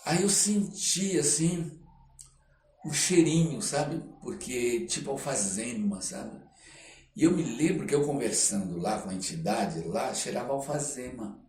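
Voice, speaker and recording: A man's voice: medium pitch, animated, a little slow, darkish tone. An older man with a Brazilian accent tells anecdotes conversationally, acting out dialogue and checking in with short tag questions. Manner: acts out quoted dialogue, frequent tag questions. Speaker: podcast guest, theatre artist and writer. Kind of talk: animated anecdotal storytelling in casual conversation. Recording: roomy echo, distant mic, faint noise.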